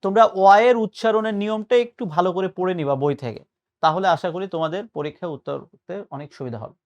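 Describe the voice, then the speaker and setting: A man's voice: sits high, fast talker. A male tutor giving a patient spoken lesson, explaining and mixing in English words. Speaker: admission test tutor.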